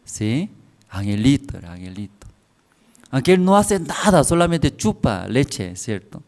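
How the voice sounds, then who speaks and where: A middle-aged Korean man preaching a sermon as pastor in broken Spanish with a Korean accent, telling family stories, checking in with listeners and swinging between soft and loud. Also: medium pitch, big pitch swings, a little slow.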